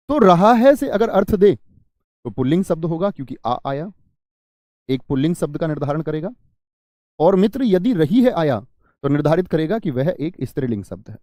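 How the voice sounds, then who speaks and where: Guy teaching grammar for an exam, asks stuff then answers it himself, warm voice, bounces around a lot. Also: a little high, no room sound, studio quality. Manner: questions the class and answers himself; repeats key phrases for emphasis. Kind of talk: exam-prep grammar lesson.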